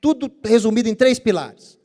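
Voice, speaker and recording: Very high-pitched yet dark in tone, a man's animated voice moves at normal speed through a Bible study lecture. He handles Hebrew terms with care and answers the rhetorical questions he puts forward.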